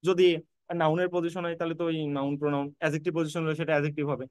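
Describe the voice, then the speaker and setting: A man's voice: a little high, fairly even intonation, racing, clear, resonant tone, no echo. A man teaching an online English grammar class, repeating points and spelling words out letter by letter while reassuring his students. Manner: reassuring, addresses students directly. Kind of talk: online admission-prep lecture.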